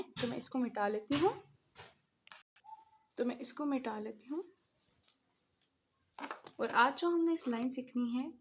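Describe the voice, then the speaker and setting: A woman teaching a language lesson in a patient classroom style, repeating each word slowly syllable by syllable and often reassuring with "okay". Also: high-pitched, slight background noise.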